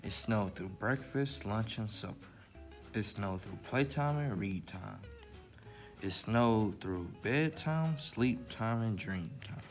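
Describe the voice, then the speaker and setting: With soft music playing behind him, this man leads a children's story time at the library, mixing reading aloud with easy how-to steps. He speaks slowly in a fairly low voice with lively intonation.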